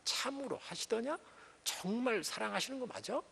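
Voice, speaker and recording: A man voicing a sly devil who whispers taunting doubts to believers, in a quieter, higher voice than his own. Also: lively intonation, normal speed, creaky, slightly rough, full character voice.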